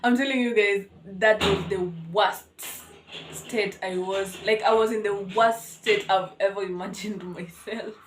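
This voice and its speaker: A young woman with a Kenyan accent telling a school story on her vlog in an animated, dramatic way. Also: medium pitch, a little slow, roomy sound, slight background noise. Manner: animated, dramatic, code-switching. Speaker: vlogger.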